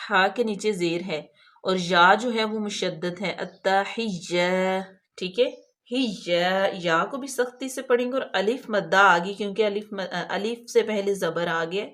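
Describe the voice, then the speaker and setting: A patient woman teaches careful recitation step by step. Her pitch sits in a typical middle range for a woman. She slows right down to stretch out each example word, then checks that her listener follows. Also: fairly bright tone. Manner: patient, explains letter by letter, checks understanding. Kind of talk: tajweed lesson, slow drawn-out recitation of examples.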